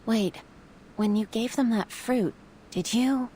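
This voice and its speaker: A woman's voice: on the high side, slow, dark tone, a little hiss or hum. A woman playing a wary, businesslike young doctor in a video game, speaking in a dry, guarded way. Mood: wary, suspicious. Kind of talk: video game character dialogue.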